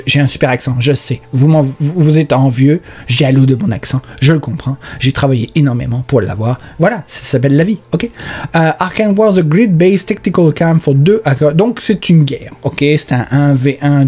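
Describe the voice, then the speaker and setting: Chatty Quebec French man, dark voice. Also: fairly high pitch. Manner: chatty, mixes English terms, self-mocking asides. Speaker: board game news host. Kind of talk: casual screen-share commentary.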